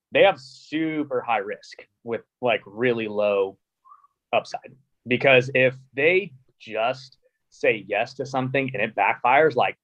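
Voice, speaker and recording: A man's voice: medium pitch, no echo. A man guests on a casual webinar over a video call, speaking conversationally and acting out other people's objections. His audio is dull and muffled, and the sound is dry. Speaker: guest panelist.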